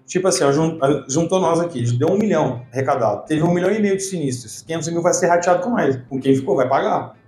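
A man with a slightly high voice talks very quickly in a casual podcast chat. He tells stories with animation and acts out the voices in them. The studio sounds echoey, with a faint hiss behind him. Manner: animated storyteller acting out dialogue. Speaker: insurance broker guest.

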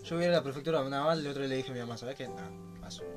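A man's voice: mid-range voice, music in the background. A young Argentine man chatting casually on a podcast, joking in a blunt way. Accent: Argentine Spanish. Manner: jokey, blunt, fast-talking.

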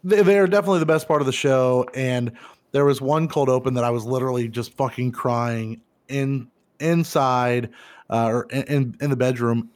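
Casual male podcast co-host, thirties, profane and easygoing, gets loud on the funny bits. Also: mid-range voice, normal speed. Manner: laid-back, swears freely, gets loud and animated retelling funny scenes. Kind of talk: casual chat.

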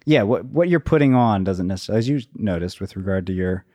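A man with a fairly low voice speaks in a dry, close acoustic. He talks reflectively and casually, halting and rewording as he works out each thought. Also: animated, mellow, no room sound. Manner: halting, circling and rephrasing as he thinks aloud.

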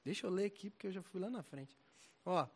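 A young Brazilian man preaching in a high, lively voice. He talks in easy street slang and swings from quiet asides to loud, pressing points. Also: fast. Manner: animated, mocking voices, swings between loud and soft. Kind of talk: casual slangy sermon.

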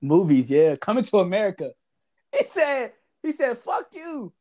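A man co-hosting a loose podcast conversation, talking in relaxed slang and breaking into loud laughter. His pitch jumps widely as he gets excited, rising high when something strikes him as funny. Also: normal speed. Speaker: podcast co-host. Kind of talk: casual chat.

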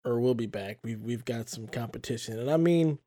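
A man's voice: mid-range voice, brisk, mellow. Chatty male podcast host. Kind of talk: casual podcast chat.

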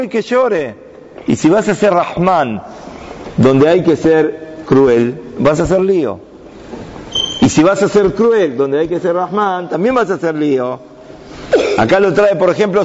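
A man's voice: on the high side, darkish tone, a little hiss or hum. A man teaching a Torah lesson to young students, asking the class questions and answering them himself. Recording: dull sound with long reverb.

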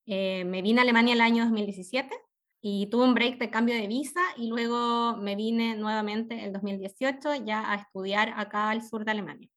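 A woman's voice: fairly high pitch, steady tone, moderate pace, fairly bright tone. Young Chilean woman, radio interview guest, thoughtful delivery with many fillers. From northern Chile. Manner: thoughtful, with frequent fillers and self-corrections. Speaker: podcast host interviewed as guest.

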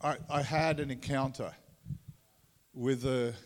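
A man with a Tasmanian Australian accent gives an informal sermon as a visiting preacher, halting and conversational, often repeating his words. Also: medium pitch, steady tone. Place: large room or hall, speaking to a congregation. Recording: echoey hall with long reverb.

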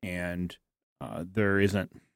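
Halting, soft-spoken man. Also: sits low, steady tone, creaky, smooth, no room sound, clean studio sound. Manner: thoughtful, halting, many restarts and fillers. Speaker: guest. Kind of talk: casual church podcast chat.

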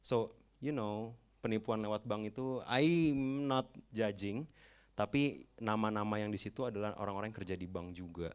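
A young adult male preacher gives a lively sermon in a lowish, smooth voice at a fairly quick pace. He often asks his listeners questions and drops English phrases into his talk.

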